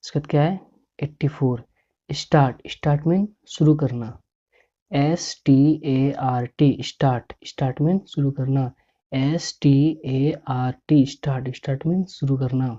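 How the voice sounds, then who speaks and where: Slow, low-voiced woman drilling vocabulary. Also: fairly even intonation, warm tone. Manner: repetitive, spells letter by letter and repeats meanings. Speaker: English teacher. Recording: dull lo-fi recording.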